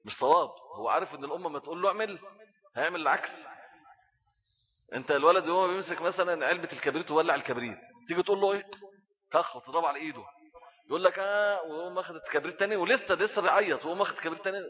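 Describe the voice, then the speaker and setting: A fast-talking middle-aged man with an Egyptian Arabic accent preaches on raising children. His voice sits a little high, and he acts out small scenes as he goes. The recording sounds dull and lo-fi. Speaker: Islamic preacher. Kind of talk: religious talk on parenting.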